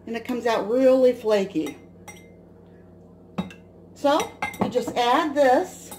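Cooking in her home kitchen, a woman in her forties from the US Midwest casually explains a recipe step by step in a fairly high-pitched voice. Her camera mic, placed at the counter, picks up a noisy background.

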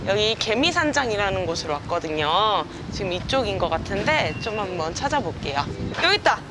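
A woman's voice: mid-range voice, big pitch swings, very fast, background noise. A young woman vlogger chatting to her viewers through a face mask, bubbly and full of exclamations. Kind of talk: casual vlog chat. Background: background music.

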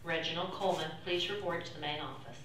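A woman making a formal, measured school office announcement heard over a PA loudspeaker. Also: sits low, slight background noise. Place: school classroom. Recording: echoey loudspeaker heard from far off.

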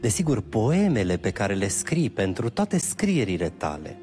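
Courteous low-voiced male TV host. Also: soft background music. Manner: warm, courteous, expressive reciting. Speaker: TV show host. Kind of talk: TV talk show hosting.

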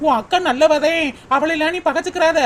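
A woman plays a sympathetic cartoon village woman, fussing and consoling in a high voice that rattles along quickly. A faint hiss sits behind her. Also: close to an everyday voice. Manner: fussing, consoling rural speech. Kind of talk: cartoon voice acting.

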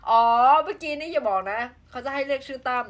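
A woman's voice: high-pitched, fast talker. Chatty, playful woman live-streamer. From southern Thailand. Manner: chatty and playful, with frequent exclamations. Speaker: live streamer reading viewer comments. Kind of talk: casual live-stream chat.

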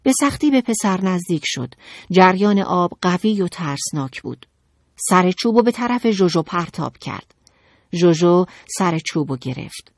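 A woman narrating a children's audiobook in an expressive, dramatic storytelling manner. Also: fairly low pitch, dry recording, clean studio sound.

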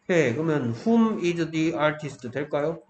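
A man's voice: on the high side, lively intonation, slow pace, a little mellow. A man teaching English grammar in a lecture, often stopping to check that students follow and answering his own questions. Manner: keeps checking in with students, asks and answers himself. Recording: echoey room, faint background noise.

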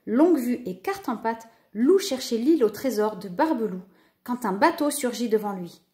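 A woman narrating a children's story in a lively, expressive way. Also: fairly high pitch, moderate pace.

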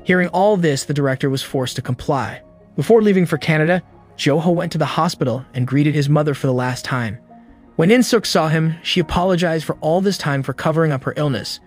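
A man tells a film's story as a scripted voice-over, in an even storytelling delivery. His voice sits a little high for a man. Soft background music plays faintly under his words. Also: a little fast. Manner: steady storytelling recap delivery. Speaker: movie recap narrator. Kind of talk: scripted narration.

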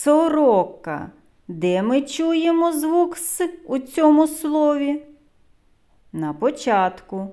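Slow, sing-song Ukrainian preschool teacher woman. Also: high-pitched, very animated, mellow. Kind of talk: phonics lesson for young children.

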